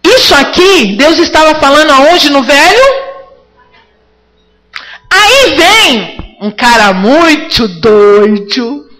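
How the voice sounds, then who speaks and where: A woman's voice: high-pitched, lively intonation, slow, pauses often, a bit bright, rough recording. A woman preaching a sermon to her congregation, fervent and rising now and then to cries.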